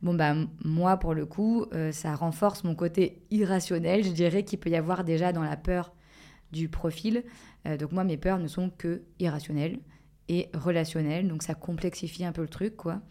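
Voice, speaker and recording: A woman's voice: on the low side, fairly even intonation, normal speed, dark tone. A woman speaking as a podcast guest, reflective and hesitant, with many fillers and restarts. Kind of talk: casual podcast conversation.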